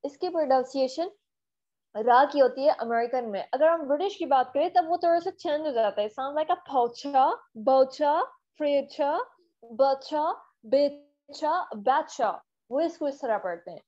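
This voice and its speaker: A Pakistani woman teaching English pronunciation in an online lesson, switching between Urdu and English and drilling words slowly for her students to repeat. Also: sits high, lively intonation, a little mellow, highs cut off.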